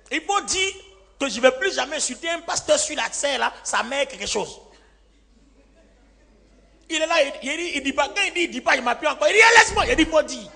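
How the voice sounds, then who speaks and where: A man's voice: very high-pitched, creaky. A male pastor telling a story in a sermon, acting out the lines of the people in it and laughing often, recorded live in a reverberant hall. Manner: animated, acts out quoted lines, laughs often. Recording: live hall with long reverb and faint music.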